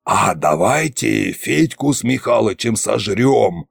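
A man's voice: big pitch swings, unhurried, dark tone, no echo, clean studio sound. A man doing a sly, hungry dragon head. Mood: conspiratorial. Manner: conspiratorial, gloating, rumbling.

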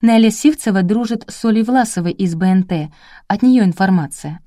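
A woman's voice: medium pitch, normal speed, dark tone, dry recording, clean studio sound, lightly acted. A woman reading the part of a timid young female assistant in an audiobook, speaking in a trembling, tearful voice. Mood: confiding.

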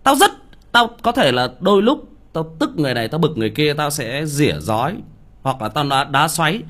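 Guy, high voice, cussing out a viewer on his stream, lots of "huh?" questions. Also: sing-song, a little fast, fairly bright tone. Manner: heated, profane scolding with rhetorical questions. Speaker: audiobook reader on a livestream. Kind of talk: livestream rant at a viewer.

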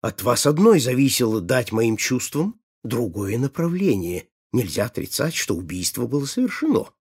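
Haughty, touchy prince of a small court, storybook, husky male reader. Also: medium pitch, very animated, moderate pace, darkish tone. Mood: pleading. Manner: haughty, prone to angry outbursts. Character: vain quick-tempered prince, ruler of a court.

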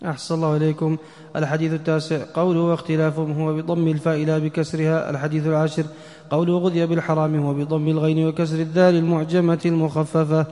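A man, a student, reads a text aloud to his teacher in a quick, half-chanted recitation. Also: a little high. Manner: fast, flat, half-chanted reading. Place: mosque. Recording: echoey mosque hall.

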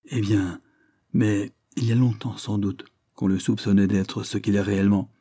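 A man reading aloud voices a cautious, deferential country lawyer who speaks politely and in measured terms. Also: lowish voice, fairly even intonation, dark tone, breathy edge, no room sound, clean studio sound. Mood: reporting.

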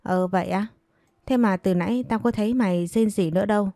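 A woman's voice: medium pitch, fairly quick, warm tone, dry recording, studio quality, natural voice. A woman voicing a cunning young maid who teases and mocks. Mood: mocking. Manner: teasing, mocking. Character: cunning young maid, mocking, sharp-tongued.

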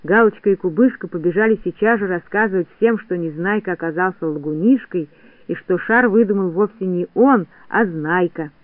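High-voiced man reading a children's story. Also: moderate pace, no room sound. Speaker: audiobook narrator. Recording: dry phone-like narrowband audiobook.

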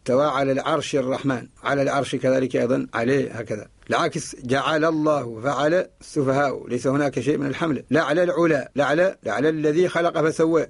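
A man's voice: medium pitch, creaky. A man with a Mauritanian Arabic accent, a sheikh giving a radio lesson on Quranic spelling, who quotes verses and repeats key words as he explains them.

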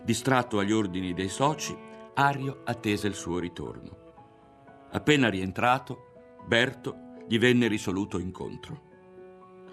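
A man reading a novel aloud as an audiobook, in a measured, dramatic way. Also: lowish voice. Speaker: audiobook reader. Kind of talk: scripted narration of a novel.

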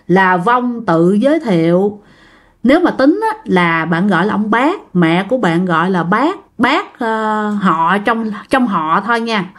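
Lively woman telling ghost stories. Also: fairly high pitch. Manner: chatty, addresses listeners directly. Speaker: storyteller. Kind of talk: casual ghost story narration.

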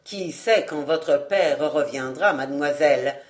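A woman reading aloud, voicing an insolent male valet who speaks calmly and mockingly. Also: low-pitched, pitched below the performer's own voice. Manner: mocking, unhurried, calm.

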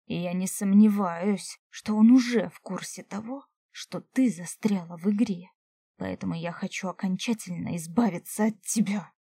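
A woman's voice: medium pitch, normal speed, husky, no room sound, clean studio sound. Woman doing a snarling vengeful man. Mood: menacing. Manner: snarling, loud and heavy. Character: furious vengeful man, a killer threatening his ex-wife.

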